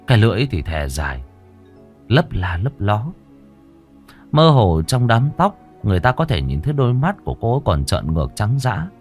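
A man narrating a horror story in a dramatic, vivid manner, lingering on grim details. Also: fairly low pitch.

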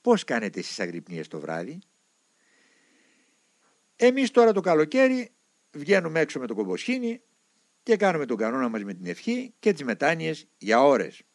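A man's voice: a little high, huge pitch swings, long pauses. A man voicing an older monk who speaks plainly and wearily of his burden. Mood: weary. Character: troubled older male monk, pleading.

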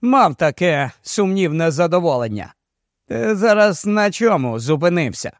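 A wry office colleague with dry, unhurried humor, as a male reader voices him. The voice is fairly high and relaxed. It is recorded close and dry, with no echo. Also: heavily acted.

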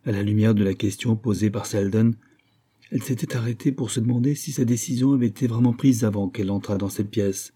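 A man narrating a classic novel as an audiobook, reading in a measured, even manner. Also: on the low side, breathy edge. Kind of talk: scripted literary narration.

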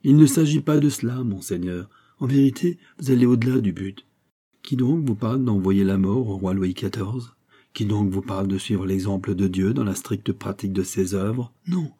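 A man's voice: lowish voice, slightly rough. A man reading a cold, scheming churchman. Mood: cool. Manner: cold, measured and quietly mocking. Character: cool, scheming male churchman, calm and disdainful. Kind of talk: audiobook character reading.

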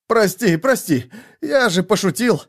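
A man's voice: high voice, animated, a little slow, pitched above the performer's own voice. A man voicing a panicking young man tied up over a fire, screaming, begging and threatening in pain. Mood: pleading. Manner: screaming, pleading hysterically. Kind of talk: audiobook character voice.

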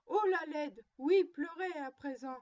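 A woman's voice: sits high, unhurried, a little mellow, muffled recording. A woman doing a stern little girl playing mother. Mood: scolding. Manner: stern, scolding. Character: strict little girl scolding her doll like a mother.

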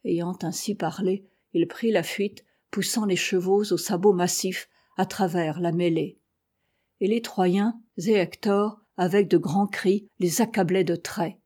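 A woman narrating an epic poem as an audiobook, measured and phrase by phrase. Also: on the low side, fairly even intonation, dark tone, slightly rough. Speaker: audiobook reader.

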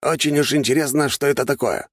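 A man's voice: mid-range voice, fast talker, no echo, pitched above the performer's own voice, close to an everyday voice. A man doing a courteous, curious mage servant. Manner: courteous and formal. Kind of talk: audiobook character voice.

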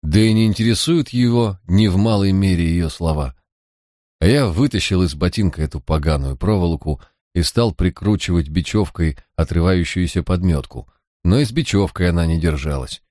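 A man narrating a story in the first person, in a steady, measured storytelling manner. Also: sits low, no echo, clean studio sound. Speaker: audiobook narrator.

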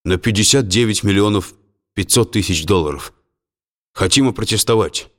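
A man's voice: on the low side, normal speed, close to an everyday voice. A man voicing a nervous middle-aged factory lawyer who sounds flustered and jumpy. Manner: flustered and jumpy, dropping into whispers.

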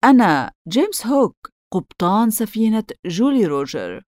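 A woman's voice: mid-range voice, big pitch swings, normal speed, darkish tone, no room sound, voice pushed up, close to an everyday voice. A woman doing cocky boy Peter Pan. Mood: mocking. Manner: cheeky, boastful. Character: cocky mischievous young boy who loves games.

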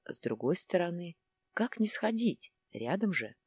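Woman audiobook narrator, low and husky, dry close sound. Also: sing-song, unhurried, darkish tone, no room sound.

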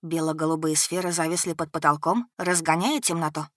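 Woman narrator, audiobook reading, low-pitched, smooth steady delivery, dry close sound. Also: fairly quick, no room sound. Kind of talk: scripted first-person narration.

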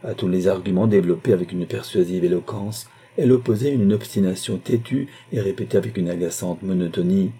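A man narrating a classic novel in measured, even phrasing. His voice is very dark and mellow, low in pitch, with a husky, breathy edge. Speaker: audiobook reader. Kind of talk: scripted literary narration.

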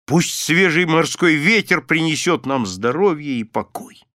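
A man's voice: fairly high pitch, lively intonation, a little slow, pushed and bright, dry recording, studio quality, pitched above the performer's own voice. A man voicing an earnest, hopeful young man in an audiobook reading. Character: young male ship owner, relieved and hopeful.

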